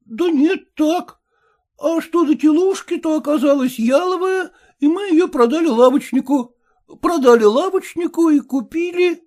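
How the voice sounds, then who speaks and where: A man's voice: very high-pitched, measured pace, darkish tone, voice pushed up. A male reader voicing a hungover, sleepy young peasant man who drawls and grumbles. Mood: reading haltingly.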